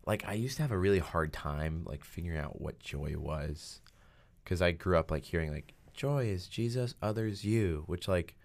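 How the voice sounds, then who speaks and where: A man with a deep voice that often drops into fry talks in an easy, rambling way as a podcast host. He leans on fillers and raises his voice to act out quotes. The tone is casual conversation about faith. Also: moderate pace. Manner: relaxed, many fillers, acts out quotes in a raised voice.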